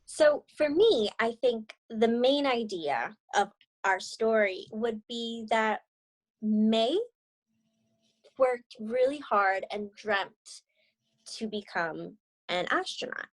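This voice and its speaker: This young teacher reads stories and teaches children on a video call from an indoor room. Her fairly high voice moves with lively intonation, she takes her time, and the recording sounds poor.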